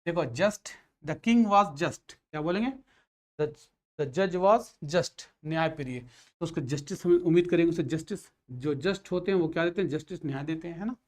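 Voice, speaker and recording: A man's voice: on the high side, normal speed, a little mellow. A man teaching English grammar to exam students in Hindi, explaining patiently, mixing in English phrases and often checking that students follow. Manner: explains patiently, repeats checks like "theek hai".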